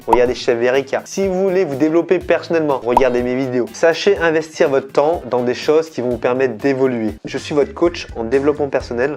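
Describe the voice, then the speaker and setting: Brief: young man, fake life coach, smug and earnest, reels off mottos, mid-pitched everyday voice. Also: a little mellow. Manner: earnest and self-satisfied, dropping slogans. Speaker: self-help coach. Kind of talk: mock-motivational comedy monologue.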